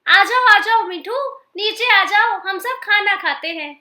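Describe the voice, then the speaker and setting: A woman voicing a clever female crocodile wife in a children's storybook, firm and brisk as she lectures. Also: very high voice, sharp tone, full character voice. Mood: kind. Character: sharp clever female crocodile wife, stern then kind.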